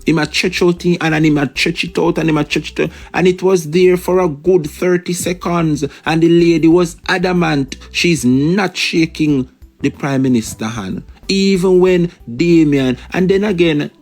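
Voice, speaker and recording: A man's voice: fairly high pitch, moderate pace. Emphatic Jamaican man, political commentary. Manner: emphatic, repetitive, switches into patois.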